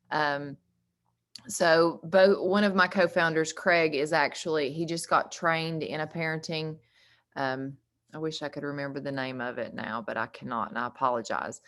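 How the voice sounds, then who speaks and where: A woman's voice: fairly low pitch, fairly bright tone. A woman with a Southern US drawl, giving an informal presentation as director of a recovery program in an earnest, emphatic way. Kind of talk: informal presentation on an online meeting.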